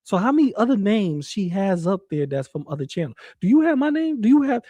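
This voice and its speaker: A woman's voice: mid-range voice, very animated, fairly quick, warm tone, no room sound. A woman giving casual livestream commentary, blunt, incredulous and emphatic, with plenty of swearing.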